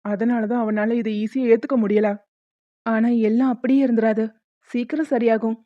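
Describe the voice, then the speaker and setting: A woman voicing a gentle young husband in a cartoon, soothing and patient. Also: fairly high pitch, level tone, moderate pace, no room sound, dull audio, lightly acted. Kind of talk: cartoon voice acting.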